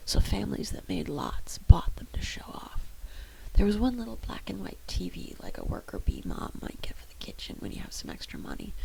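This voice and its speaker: A woman's voice: medium pitch, vocal fry, warm tone, low-quality recording. A woman narrating a story in the first person with wry storytelling, in a whispered role-play.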